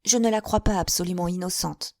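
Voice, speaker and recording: A woman voicing a proud, clever young lady who speaks in a hushed, urgent murmur. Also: lowish voice, steady tone, a little fast, no room sound, studio quality, close to an everyday voice.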